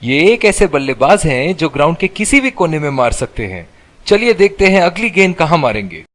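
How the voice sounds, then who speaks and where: A man giving excited cricket commentary as a commentator, exclamatory and full of admiration. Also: a little high, a little fast, no echo.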